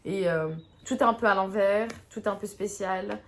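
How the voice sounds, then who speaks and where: A woman's voice: mid-range voice, moderate pace. A young woman chatting casually in a vlog, hesitant and self-mocking. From Belgium. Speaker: vlogger.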